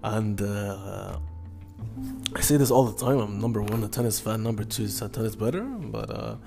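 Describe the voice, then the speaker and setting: A man hosting a casual solo sports betting podcast in halting, hesitant speech, often stopping and repeating himself. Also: on the low side, creaky, music in the background. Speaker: podcast host.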